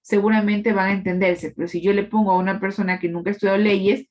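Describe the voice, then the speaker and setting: A woman's voice: mid-range voice, level tone, fast. Woman teacher, live online lecture, patient explaining, slightly dull audio. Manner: explanatory, checks in with tag questions.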